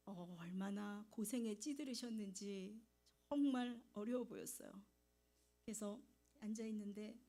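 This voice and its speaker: A woman in her forties preaches from a church pulpit, weaving her own testimony into the sermon. Her voice is mellow and warm, and she tells the story with pauses and hushed asides. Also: mid-range voice. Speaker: evangelist preacher. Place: church sanctuary.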